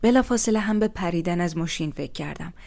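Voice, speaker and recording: Woman calmly telling a personal story. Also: fairly low pitch, vocal fry.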